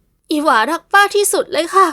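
A woman voicing a tearful eighteen-year-old housemaid girl who pleads in a high, whiny voice. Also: a little fast, sharp tone, no room sound, clean studio sound, close to an everyday voice. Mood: pleading upset.

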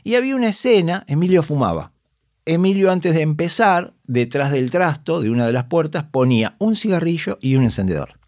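Lively Rioplatense man telling stories. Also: fairly high pitch, brisk, no room sound, studio quality. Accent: Rioplatense Spanish. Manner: animated, acts out voices of colleagues, laughs often. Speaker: guest, actor and comedian. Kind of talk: casual anecdote telling. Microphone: studio microphone.

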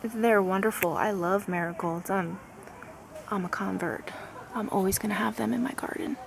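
A woman giving a casual walking tour of her backyard garden, relaxed and admiring, thinking aloud with some fillers. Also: medium pitch, moderate pace, vocal fry, background noise.

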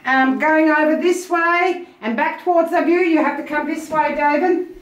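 An older Australian auctioneer with a high-sitting voice chats casually at normal speed while walking through a large house, pointing out items and laughing easily. It's shot on a handheld phone camera in echoey rooms.

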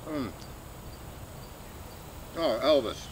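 A middle-aged vlogger chews and eats while chatting haltingly to one person in a casual mukbang, rambling with trailing pauses in a shady, grassy backyard. His medium-pitched voice is sing-song, picked up by a camera a few metres away along with insects, distant vehicles, and other outdoor noise.

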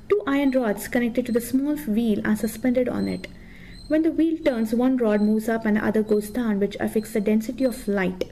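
A woman in her thirties with a Kannada accent reads a scripted, informative lecture in a formal, measured manner. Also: a little high, warm tone, slight background noise, poor audio. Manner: formal, measured reading from notes. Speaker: presenter.

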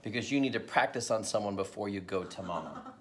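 A pastor in his thirties leads a playful how-to demonstration for children at a home dining table, teaching step by step and repeating each instruction patiently. His voice is fairly low and fast, recorded by a camera on the table with a little hiss or hum.

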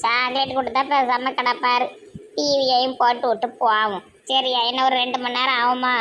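Woman as a young wife, Tirunelveli Tamil accent, very high, sharp, chatty. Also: level tone, moderate pace, lo-fi sound, a little hiss or hum. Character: young married woman, cheerful and agreeable. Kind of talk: amateur comedy skit acting.

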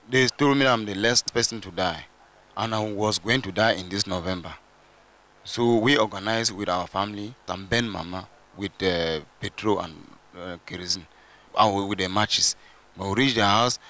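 Bright-toned young man from Cameroon. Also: sits low. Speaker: church testimony giver. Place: large church stage indoors. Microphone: handheld mic.

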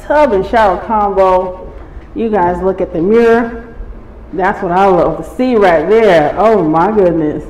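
A breathless woman narrates a casual house-tour vlog. She talks slowly in a soft, mellow tone, admiring as she goes. The sound is echoey, from a handheld phone. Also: medium pitch. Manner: admiring, addressing viewers. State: short of breath. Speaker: vlogger touring a show home. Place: walking through an empty or staged house and its yard. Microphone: handheld phone held by the person filming. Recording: echoey rooms, light background noise.

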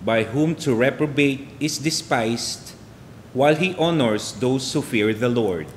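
A man's voice: medium pitch, unhurried, a little hiss or hum. A man serving as cantor, chanting the psalm and singing the Alleluia with a melodic, sweeping delivery, heard in a cathedral echo. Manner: melodic sung delivery with wide swings. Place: large church. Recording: long church reverb with music.

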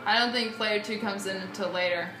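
During a let's play recorded indoors while filming a TV screen, a woman keeps up a casual, playful chat with her co-player. Her medium-pitched voice is fairly even and a little fast. Game music plays behind her, and the room sounds echoey.

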